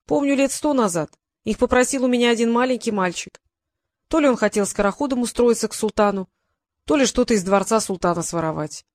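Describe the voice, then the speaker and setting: A woman's voice: a little high, a little fast, no echo, studio quality, close to an everyday voice. A woman reading an audiobook, voicing a sly, evasive male genie who is thousands of years old, with a wheedling, mock-respectful manner. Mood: grumbling.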